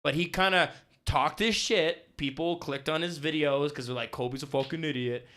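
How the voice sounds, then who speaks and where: A man's voice: on the high side, normal speed, a bit bright. A young man co-hosting a casual podcast, talking in a laid-back way with lots of filler words and swearing. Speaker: podcast co-host.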